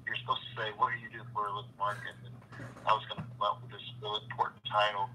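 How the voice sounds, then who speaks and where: A man, chatting casually as a guest on a live stream, rambling and halting with many fillers and restarts. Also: fairly low pitch, little pitch movement, sharp tone, slight background noise, rough recording. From Kentucky, USA. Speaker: guest, car salesman and card collector.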